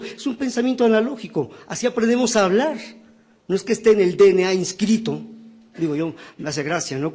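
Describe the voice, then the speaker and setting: A man's voice: on the high side, a little mellow. A man presenting his own book in a lecture style, teaching with rhetorical questions and frequent tag questions.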